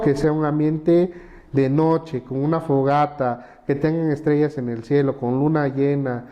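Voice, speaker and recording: A man presenting a conversational webinar, explaining step by step and running through lists of examples, often ending with a quick tag question. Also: on the high side, roomy sound, lo-fi sound.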